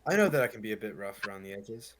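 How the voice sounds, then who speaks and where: A man's voice: fairly low pitch, very animated, racing, slight background noise. A man playing a burnt-out, frustrated schoolteacher who turns sarcastic and explodes in anger. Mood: sardonic. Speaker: teacher.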